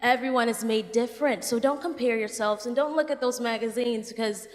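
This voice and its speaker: A teenage girl speaking earnestly on a panel, a little halting as she sorts out her thoughts. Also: a little high. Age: teen. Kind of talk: casual panel talk. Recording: hall reverb.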